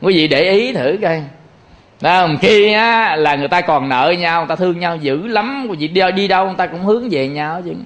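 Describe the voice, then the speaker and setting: A man's voice: sits high, a little fast, fairly bright tone. A man, a Buddhist monk giving a chatty, joking sermon to lay followers and turning to address them again and again.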